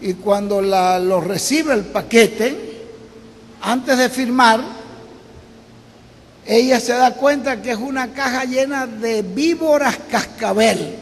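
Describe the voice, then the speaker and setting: A man with a Venezuelan accent preaching a storytelling sermon, acting out the people in his stories and shouting the big moments. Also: very high voice, slow pace. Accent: Venezuelan Spanish. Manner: retells stories, acting out the voices and shouting the climaxes. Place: church meeting hall. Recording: echoey hall with faint ambience.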